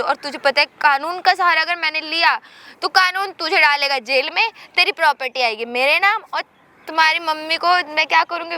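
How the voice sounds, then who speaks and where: A woman's voice: sits high, bright, forceful tone, a little hiss or hum. A woman acting a scheming, domineering young wife who taunts and threatens her husband in a skit. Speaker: actor in a short domestic drama skit.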